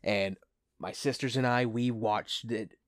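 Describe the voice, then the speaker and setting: A man's voice: medium pitch, steady tone, a little slow, dry recording, studio quality. A man hosting a casual movie review show, talking as an enthusiastic, gushing fan.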